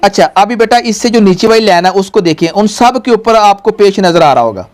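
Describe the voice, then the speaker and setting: A woman's voice: medium pitch, lively intonation, a little fast, a little mellow. A woman, a Quran teacher patiently guiding a pupil, drawing out each syllable and having it repeated. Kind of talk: patient recitation lesson.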